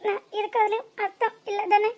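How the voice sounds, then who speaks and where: A hurt young cartoon wife, played by a woman, pressing bitter questions one after another. Her voice is very high and close to the performer's own. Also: level tone, fast, darkish tone, slight background noise. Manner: reproachful questioning. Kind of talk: cartoon voice acting.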